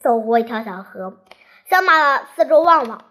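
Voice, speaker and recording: A child storyteller reading a children's tale in a slow, halting way, with restarts. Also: mid-range voice, animated, bright, forceful tone.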